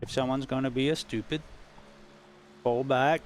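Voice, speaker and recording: A man's voice: mid-range voice, steady tone, moderate pace. A man commentating casually to himself while sim racing, rambling with wry asides. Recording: loud car engine noise behind.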